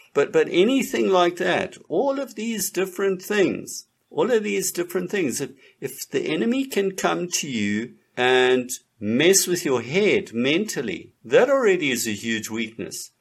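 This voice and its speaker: A man's voice: medium pitch, breathy edge. A man delivering a lecturing monologue in an emphatic, repetitive and contemptuous manner.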